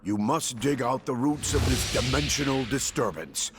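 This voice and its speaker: A man performs as a swaggering, dramatic interdimensional wanderer-warrior in a video game, sounding gravelly, florid, and theatrical. He speaks at a moderate pace, expressively, with a voice close to his everyday one, over music. His grand boasts swing between quiet murmurs and booming declarations.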